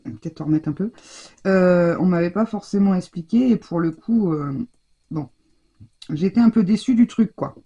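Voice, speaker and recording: A woman demonstrates a craft technique and chats to viewers at a moderate pace, frequently restarting and trailing off. Her lowish voice is mellow and husky, and the audio lacks high frequencies.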